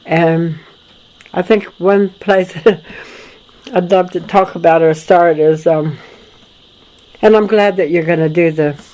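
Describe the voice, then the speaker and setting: An older woman from Florida in the United States telling her family history in a casual, rambling way, with many restarts and soft chuckles. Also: fairly low pitch, fairly even intonation, slow, pauses often, poor audio. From Florida, USA. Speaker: documentary photographer recalling family history. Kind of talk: casual spoken memoir to a friend.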